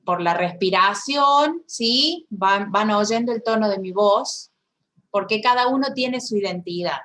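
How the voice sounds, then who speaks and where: Woman interpreter, mid-pitched, halting delivery with restarts and agreement checks. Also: animated, fairly bright tone. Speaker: sign language voice interpreter.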